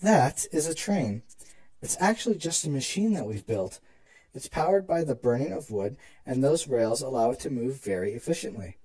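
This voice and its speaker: Performer as elder pony princess: proud, protective, indulgent explainer with a mellow, swooping delivery for a fan fiction drama. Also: mid-range voice, animated, normal speed, breathy edge, rough recording. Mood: proud explaining.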